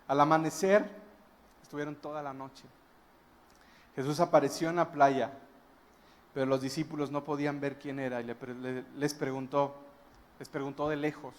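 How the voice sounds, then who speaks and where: A man's voice: mid-range voice, level tone, moderate pace, long pauses. A man preaching a sermon as a guest pastor, retelling a story emphatically and breaking into wondering exclamations.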